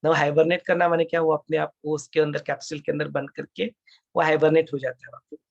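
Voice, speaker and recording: A man's voice: fairly high pitch, level tone, fast, vocal fry. Rambling man, mixing Hindi and English. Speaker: spiritual study group speaker. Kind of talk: explaining a film's plot to a discussion group. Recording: dull lo-fi sound.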